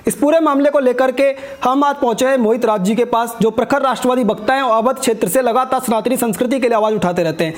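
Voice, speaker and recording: A male news host introduces his guest and puts steady, probing questions to him. His voice is strikingly high for a man. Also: fast, few pauses. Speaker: news channel host, interviewer. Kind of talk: news interview.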